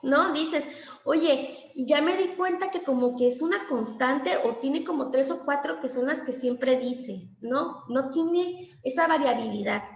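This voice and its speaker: A woman's voice: high voice, unhurried, vocal fry, roomy sound. A woman giving a lecture on language therapy, explaining step by step and acting out short exchanges between teacher and child. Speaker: teacher trainer.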